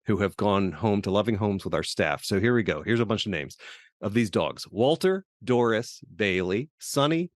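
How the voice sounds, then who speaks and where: A man co-hosting a casual podcast chat, relaxed and chatty, often laughing. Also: lowish voice, normal speed, no room sound. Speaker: podcast co-host.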